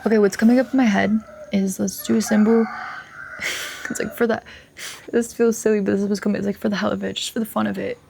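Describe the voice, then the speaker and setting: Young woman with a gravelly, mellow voice. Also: medium pitch, quick pace, slight background noise. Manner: relaxed, rambling, thinking aloud with many fillers. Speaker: vlogger. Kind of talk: casual chat while drawing. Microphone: close microphone.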